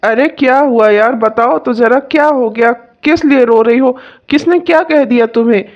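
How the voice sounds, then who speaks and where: A voice actor playing a kind young husband in a cartoon who gently comforts his wife. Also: medium pitch, normal speed, muffled recording, natural voice. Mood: coaxing. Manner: gentle, coaxing, reassuring. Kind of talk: cartoon voice acting.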